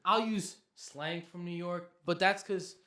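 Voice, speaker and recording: Bright-voiced laid-back young man. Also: high voice, steady tone, measured pace. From New Jersey. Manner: laid-back, agreeable, lots of "like". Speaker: podcast guest. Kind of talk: casual chat. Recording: roomy echo.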